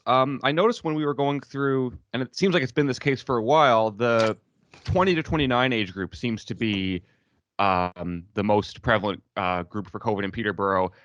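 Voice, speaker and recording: A man's voice: fairly low pitch, fairly bright tone, no room sound. A male radio reporter asking hesitant, circling questions at a press briefing, heard over a remote call line. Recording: dry, dull call-line audio.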